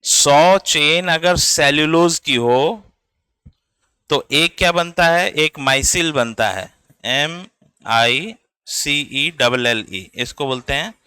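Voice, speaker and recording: A man's voice: mid-range voice, pushed and bright, clean tone, no room sound. A man, teaching biology in a classroom lecture, explaining step by step and checking in with his students. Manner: spells out words letter by letter.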